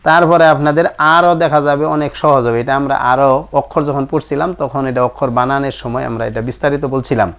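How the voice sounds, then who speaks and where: A man teaching Quran reading, explaining patiently and chanting rules in slow, repeated drills. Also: mid-range voice, steady tone, fairly bright tone, smooth. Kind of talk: classroom-style lesson with chanted rules.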